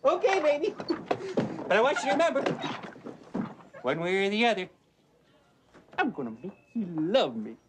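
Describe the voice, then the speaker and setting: A man's voice: sits high, big pitch swings, normal speed, long pauses, a little hiss or hum. An actor playing a pushy, flirtatious male store clerk in a TV comedy sketch. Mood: flirting. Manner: cocky, persistent come-ons with a goofy laugh.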